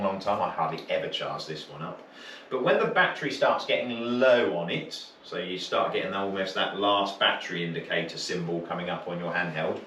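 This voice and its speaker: Leading a marine radio class, a British instructor explains things step by step in an informal way, often pausing to ask short checking questions. His voice is on the low side with a fairly bright tone. The recording has a roomy, distant-mic quality and faint noise, from an indoor training room.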